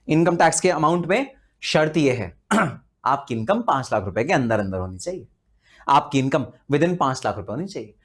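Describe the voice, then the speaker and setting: An Indian man teaching tax in a live online lecture, chatty and animated, asking rhetorical questions and slipping into dramatic asides. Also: a little high.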